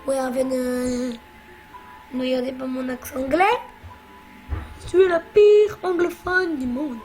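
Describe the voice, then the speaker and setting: A woman's voice: high voice, fairly even intonation, a little slow, mellow, soft background music. A woman hosting a let's play, chatting casually and bossily teasing her co-player as she plays. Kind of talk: casual gameplay commentary.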